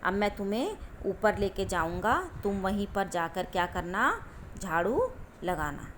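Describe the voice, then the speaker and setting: Woman voicing mischievous male sky, storybook, teasing, slow. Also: medium pitch, a little hiss or hum, lightly acted.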